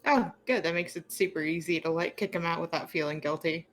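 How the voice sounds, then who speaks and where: A woman's voice: on the low side, fairly quick, faint music behind. A woman playing a bard in a tabletop game, playful and upbeat, laughing a lot. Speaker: player.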